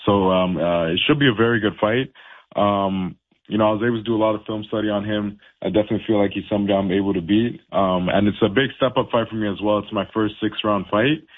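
A man's voice: on the low side, quick pace. A young man, a professional boxer, chatting casually and laid-back with lots of fillers and laughs. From Canada. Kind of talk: casual phone interview. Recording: tinny phone line.

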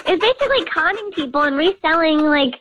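A woman's voice comes through a voice changer that pushes it high and leaves it muffled and lo-fi. She is an anonymous caller telling her story to the hosts. She talks casually and leans on fillers as she goes. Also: expressive, a little fast, background noise. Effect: voice changer that disguises her voice. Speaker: anonymous listener calling in to a radio show. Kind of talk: casual on-air confession.

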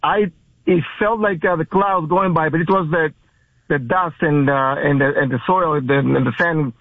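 A man from the Dominican Republic, an umpire, giving a halting, earnest account as a radio phone guest. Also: on the high side, dry recording. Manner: halting, many restarts, earnest. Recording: tinny phone line.

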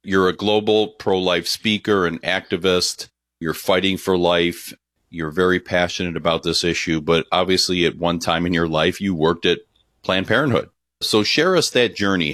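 A man's voice: low-pitched, a bit bright, no room sound, studio quality. A man co-hosting a podcast, earnestly introducing and questioning his guest. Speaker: podcast co-host. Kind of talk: podcast interview.

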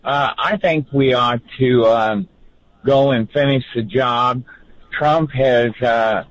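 A man calling in to a radio show, speaking haltingly with many pauses and fillers. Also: mid-range voice, no echo, low-quality recording. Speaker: caller.

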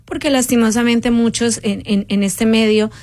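A woman appearing as a radio guest, explaining the programs of a community music school in a steady, informative way. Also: a little high, normal speed, no room sound. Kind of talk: radio interview.

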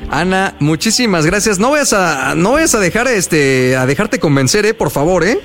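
A man with a Mexican accent hosting a call-in radio show, lively, slangy and affectionate with his callers. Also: high-pitched, normal speed.

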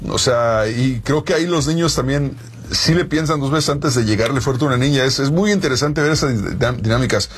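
A man's voice: medium pitch, fairly quick, slightly rough. A man co-hosting a talk show from Mexico, chatting casually and explaining with examples. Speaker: co-host.

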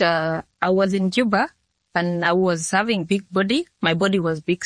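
A woman's voice: medium pitch, no echo. Earnest young woman, dry. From South Sudan. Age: 19, young adult. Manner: plain, earnest, halting with repeated restarts. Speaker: model, interview guest. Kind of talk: candid interview answers.

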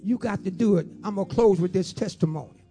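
A man in his seventies gives a fiery preaching testimony at a quick pace, his voice sitting high. Phrases come back in rhythmic repetition, punctuated by shouts and half-sung lines.

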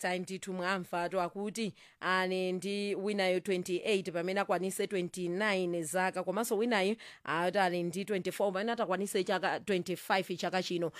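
Fast-talking woman interview host. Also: mid-range voice, dry recording, clean studio sound. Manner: rapid, animated questioning. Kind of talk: hosting a music interview, translating for listeners.

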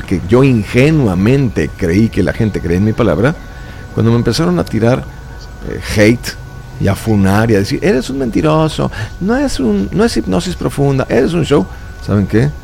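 Vocal fry colors this man's mid-range, slightly mellow voice as he chats in a radio interview. Originally from Chile but raised in Mexico, the stage hypnotist in his fifties lectures emphatically from the studio guest seat.

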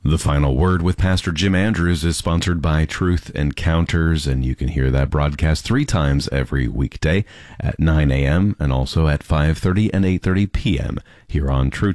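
Male station announcer, loud and dense radio read, extremely deep voice, dry close sound. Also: no room sound.

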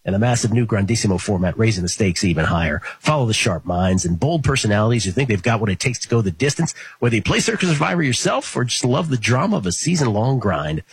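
Male sports host, very husky and raspy, delivering a network promo read. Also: on the low side, sing-song, quick pace, few pauses, no echo. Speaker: sports betting show host.

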